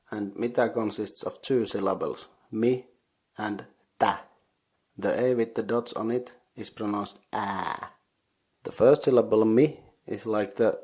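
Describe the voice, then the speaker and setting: A man's voice: on the low side, darkish tone. A man with a Finnish accent, hosting a podcast, teaching Finnish words for board gamers syllable by syllable, recorded in a sauna. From Finland. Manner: patient, slow, spells out syllables. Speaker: podcast host. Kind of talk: language lesson for board gamers. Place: sauna, indoors, not heated.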